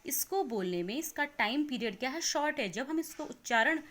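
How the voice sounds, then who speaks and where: A woman teacher with an Indian accent giving an online lesson to young children, reading words slowly syllable by syllable and mixing in English words. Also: high voice, expressive, fairly bright tone. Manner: slow, exaggerated syllable-by-syllable reading aloud.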